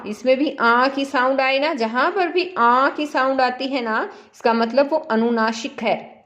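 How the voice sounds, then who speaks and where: Slow, patient woman teaching children. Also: fairly high pitch, a bit bright, highs cut off. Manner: patient, explains slowly with repeated examples and questions to pupils. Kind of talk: school lesson for children.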